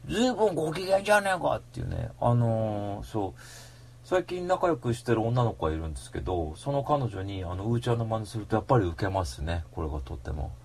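A man hosting a radio show in a casual rambling monologue, slangy and animated, breaking into mock-angry rants. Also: fairly low pitch, a little fast, slightly rough.

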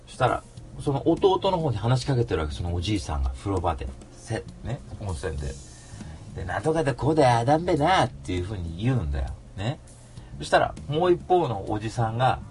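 A man's voice: fairly low pitch, big pitch swings, brisk, darkish tone, faint music behind. A man hosting an internet radio show alone, telling rambling anecdotes and acting out the people he quotes. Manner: rambling anecdotal storytelling, acts out quoted voices. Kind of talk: casual solo radio monologue.

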